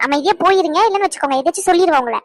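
A woman playing a quick-tempered wife who scolds her husband in a comedy skit. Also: very high-pitched, no echo. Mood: scolding. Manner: scolding, indignant, rapid-fire.

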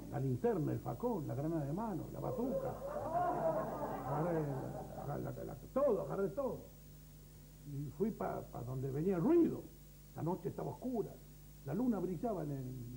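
A man's voice: a little high, big pitch swings, normal speed, gravelly, dark tone. A middle-aged man with an Argentine accent, telling rambling, boastful stories with mock innocence in a sketch set in a studio kitchen. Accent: Argentine Spanish. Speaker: comedian playing a gaucho cook. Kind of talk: sketch comedy banter. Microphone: lapel mic. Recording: noisy old VHS tape.

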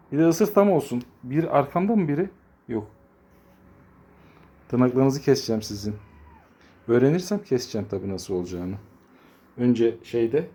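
A man filming his kittens on a phone at home, coaxing and teasing them and slipping into a high, playful baby-talk voice. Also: warm tone. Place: home with cats.

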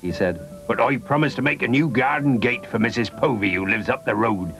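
A man's voice: medium pitch, brisk, creaky, a bit bright, pitched below the performer's own voice. A man voicing a cheerful, kindly old sailor in a children's radio story. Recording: faint music behind.

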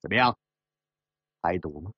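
A man voicing a brash, devil-may-care young male swordsman who gambles and laughs loudly, as a storyteller acting out dialogue. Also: sits low, animated, moderate pace, breathy edge, no room sound, muffled recording, pitched below the performer's own voice. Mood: cocky, reckless.

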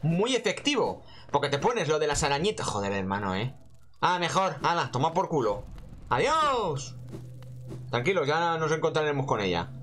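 Animated, sweary Spanish man gaming. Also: on the high side, brisk, slight background noise. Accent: Spain. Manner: sweary, slangy, rambling. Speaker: gaming host. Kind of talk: casual gameplay commentary.

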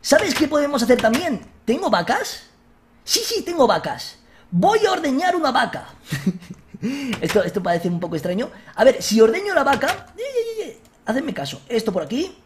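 A man with a Spain Spanish accent hosting a let's-play, excitable, shouting at enemies and joking with viewers. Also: very high-pitched, moderate pace, a little hiss or hum. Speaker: gaming video host.

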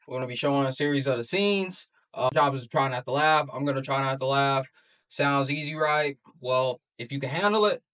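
A man's voice: medium pitch, a bit bright, recorded from a distance. A man hosting a casual reaction video, chatting loosely in slangy, repetitive talk. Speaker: YouTube reaction host.

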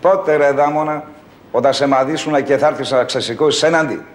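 A man's voice: on the high side, a little hiss or hum, natural voice. An actor playing a pushy show manager who scolds his star and coaxes a young woman, in 1980s comedy style. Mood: bossy. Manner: blustering, coaxing. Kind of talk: 1980s film comedy acting. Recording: roomy old film track.

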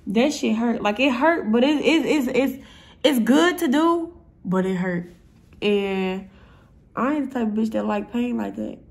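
This vlogger, a young woman, chats through her makeup at home in a stuffy, nasal voice that is a little high and gravelly. She takes her time, rambling in a blunt, profane, talkative manner for a casual tutorial.

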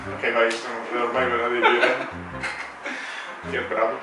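A man's voice: mid-range voice, monotone, measured pace. A young man casually telling jokes to a friend, amused and trying not to laugh. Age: young adult. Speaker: contestant in a joke challenge. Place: home kitchen, indoors at a table. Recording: echoey room, distant mic, music behind.

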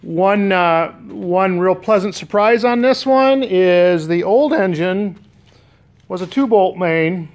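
An American man speaks slowly in a high-pitched voice, giving a casual, off-the-cuff walkthrough as a DIY boat restorer and vlogger, hesitant and thinking aloud. The setting is a concrete-floored garage, with a handheld camera operated by someone behind it.

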